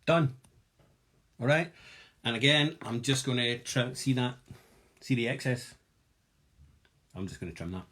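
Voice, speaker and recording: Husky, lively Glaswegian man. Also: medium pitch, a little slow, pauses often. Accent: Glaswegian Scottish. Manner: jokey, self-mocking, chatty with viewers. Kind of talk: live-streamed craft demonstration.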